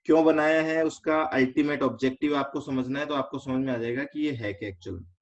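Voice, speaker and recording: A man with an Indian accent and a medium-pitched voice teaches an online finance lecture step by step. Along the way he quizzes students with quick questions and mixes English terms into his explanation. The recording is somewhat dull and lo-fi.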